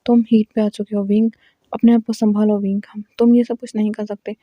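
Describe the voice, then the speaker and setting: Woman reading a protective young man, calm, reassuring, flat delivery. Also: medium pitch, a little fast, dry recording, lo-fi sound, close to an everyday voice. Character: protective young man soothing his sweetheart.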